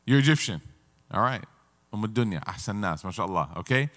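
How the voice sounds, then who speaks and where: Seated at a table in a large hall, a man in his thirties leads an engaging, interactive Quran class and puts questions to his audience. His voice is lowish, expressive and a bit bright, and he speaks briskly.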